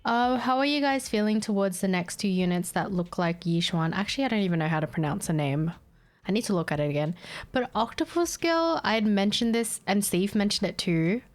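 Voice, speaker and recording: This Australian woman, a Vietnamese first-language speaker, streams games and keeps up casual live chat as she plays. Expressive and a little fast, her medium-pitched voice sounds tired and giggly, and she's scatterbrained, reading viewers' messages out loud.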